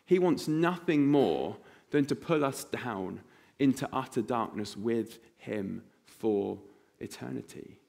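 A man preaching a sermon in church, telling vivid stories and acting out voices in a hushed tone. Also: medium pitch, animated, slow, gravelly.

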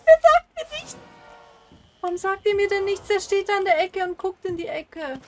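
A woman's voice: very high-pitched, fairly even intonation, brisk, faint music behind. A young woman streaming a horror game with friends, talking in frightened, panicky outbursts. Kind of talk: casual gaming chat.

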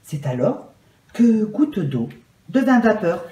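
Woman, storyteller, calm and measured, mellow voice, roomy echo. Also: medium pitch. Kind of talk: gentle read-aloud storytelling.

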